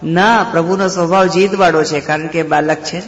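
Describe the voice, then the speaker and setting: A man preaches through devotional stories with a rather high voice, stopping to explain them and pose rhetorical questions. His voice echoes around a large hall with a long reverb tail. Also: steady tone, normal speed. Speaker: devotional storyteller. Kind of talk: devotional story sermon.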